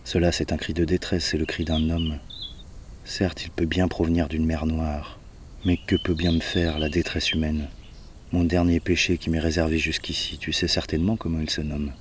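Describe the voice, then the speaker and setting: A man voicing Zarathustra, a joyful old male sage who speaks in a proud, forceful, scolding way. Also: a bass voice, flat delivery, moderate pace, slight background noise. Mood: stern.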